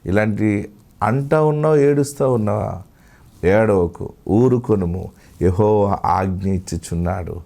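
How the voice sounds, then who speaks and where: A man with a Telugu accent preaching a sermon as pastor, slow and emphatic, sometimes dropping to a low, hushed voice. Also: creaky.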